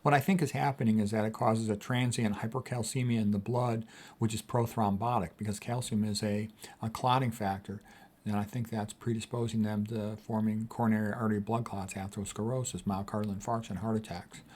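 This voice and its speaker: A physician in his sixties hosts, reading quotes aloud and commenting on them emphatically but casually, often circling back to his key points. His voice is lowish and a little mellow, brisk, with fairly even intonation.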